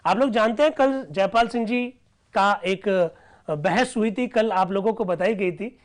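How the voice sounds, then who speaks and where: A man's voice: sits high, measured pace. A man teaching an online class who reads out old debate records and explains them, often asking whether his listeners follow.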